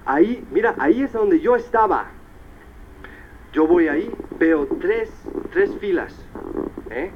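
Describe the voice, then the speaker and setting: This motivational speaker has a high-pitched voice and speaks slowly with long pauses, telling stories animatedly at a seminar and drifting into English. The background is noisy, and the audio has the dull sound of an old cassette tape.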